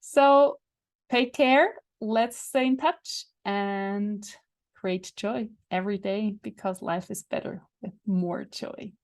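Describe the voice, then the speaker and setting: On her own podcast, this Swiss host delivers a relaxed announcement in English, though Swiss German is her first language. Her mid-range voice breaks off often as she hunts for words, filling gaps and starting over.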